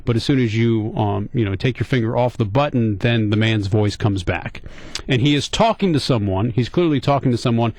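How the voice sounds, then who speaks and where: In a radio studio, a middle-aged American man hosting a talk show tells a casual story, a little fast, in a medium-pitched, darkish voice. He's conversational and questioning, going back over points to stress them.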